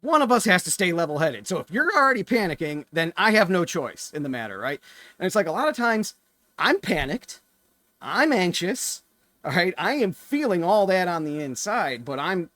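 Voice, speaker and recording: A man's voice: on the high side, fairly bright tone, no room sound. A middle-aged man hosting a reaction video, thinking aloud in an earnest, casual way.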